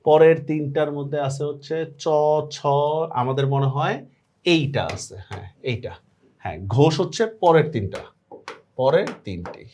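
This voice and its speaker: A man's voice: a little high, a little mellow. Drilling male tutor. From Bangladesh. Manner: drilling, repeats answers and asks quick check questions. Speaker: teacher. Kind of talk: online exam-prep lesson.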